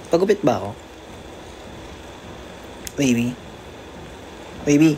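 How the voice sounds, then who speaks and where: A livestream host chatting casually to viewers about a pet cat, at times slipping into a high coaxing baby voice for the cat. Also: sing-song, slow pace, warm tone, a little hiss or hum. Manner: chatty, keeps addressing viewers.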